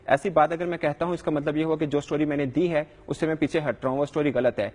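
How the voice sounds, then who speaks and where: A man's voice: fairly high pitch, fairly even intonation, a little mellow, big-room sound. A young adult man, a sports reporter, answering questions in a live news interview in an earnest, defensive way with frequent hesitations.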